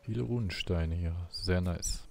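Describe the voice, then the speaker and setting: A man's voice: sits low, measured pace, creaky, a little mellow, slight background noise. A man hosting a gaming video, musing aloud in casual, colloquial let's play commentary. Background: game sounds.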